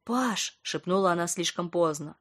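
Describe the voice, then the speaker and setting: A woman's voice: on the low side, lively intonation, moderate pace. Woman narrating an audiobook. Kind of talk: scripted narration.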